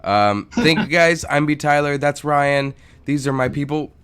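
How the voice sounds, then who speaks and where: A man's voice: on the high side, unhurried, fairly bright tone, smooth. A man co-hosting a live-streamed tabletop game, rambling and joking with profanity as he signs off. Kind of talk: casual stream sign-off chat. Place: home room. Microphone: home desk microphone.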